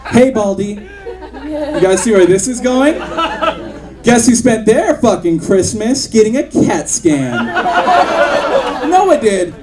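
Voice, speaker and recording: Young guy doing stand-up, really high lively voice, crowd laughing loud in the room. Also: takes it slowly, pauses often, heavy background noise. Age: 20s. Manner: rambling, filler-heavy, crude punchlines. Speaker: stand-up comedian. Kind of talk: stand-up set. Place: comedy club stage with live audience. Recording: audience laughter behind.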